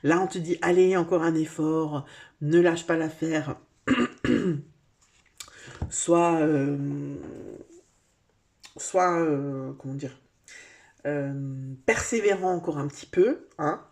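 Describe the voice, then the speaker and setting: A woman's voice: low voice, takes it slowly, pauses often, darkish tone. A woman giving a casual tarot reading, speaking straight to the viewer in a chatty way with many fillers. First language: French. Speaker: tarot card reader.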